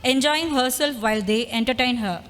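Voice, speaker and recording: Brief: a slightly high woman narrator for a school play, steady, echoing hall. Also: faint music behind. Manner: measured storytelling. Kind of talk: scripted stage narration. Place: school annual day event. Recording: echoey hall with long reverb.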